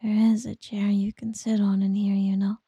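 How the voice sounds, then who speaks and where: A woman doing a whispered ASMR girlfriend roleplay, soft, teasing and doting. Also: medium pitch, flat delivery, moderate pace, husky, no room sound.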